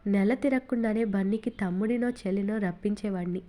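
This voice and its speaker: Bossy, teasing young man in a storybook romance, read by a woman narrator, mellow and warm. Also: medium pitch, a little fast, natural voice. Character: commanding, teasing, protective young man, a boss.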